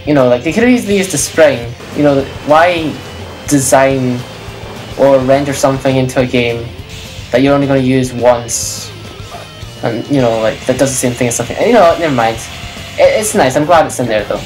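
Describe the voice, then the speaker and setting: A let's play commentator speaks briskly in a deep, bass, darkish voice on a rough recording. Faint game music sits underneath as she chats casually about the game, rambling and self-correcting along the way.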